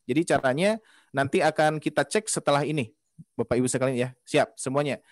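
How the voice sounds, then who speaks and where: A man teaches Quran recitation in an online video-call class, patiently guiding students through a melody step by step, repeating drills slowly and singing the tones. His voice is mid-range, and the audio is studio quality with no room sound.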